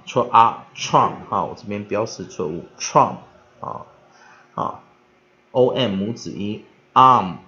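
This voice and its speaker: A man teaching English pronunciation, spelling out letters and repeating each word slowly three times, with many spoken fillers. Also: fairly low pitch. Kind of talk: vocabulary pronunciation lesson. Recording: dull lo-fi recording.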